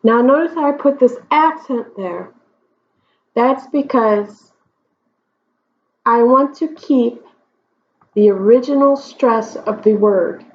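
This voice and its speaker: A woman teaching a Spanish grammar lesson, explaining step by step and checking in with her students. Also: fairly high pitch. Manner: slow, deliberate explanations with frequent check-ins. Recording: dull lo-fi recording.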